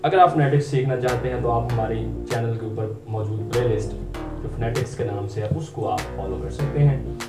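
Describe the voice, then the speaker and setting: A man teaching English pronunciation in a video lesson, saying model words slowly and repeating them. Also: medium pitch, music in the background. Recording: echoey room, distant mic, faint noise.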